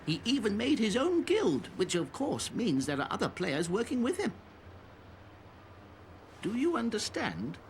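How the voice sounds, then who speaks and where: A man's voice: sits high, huge pitch swings, unhurried, pauses often, full character voice. An actor playing a talkative, teasing old cat man in a video game, with a theatrical, chiding, probing manner. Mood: teasing, needling. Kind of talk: English video game voice acting. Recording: clearly noisy game audio with ambience.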